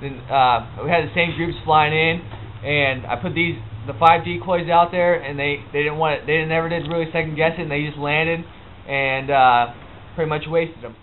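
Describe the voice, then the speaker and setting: A man's voice: fairly high pitch, fairly even intonation. Man on muffled, lo-fi audio, explaining casually. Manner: halting, informal, plain-spoken. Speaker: hunting instructor. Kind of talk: casual unscripted how-to explanation. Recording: muffled phone-like lo-fi audio, background noise.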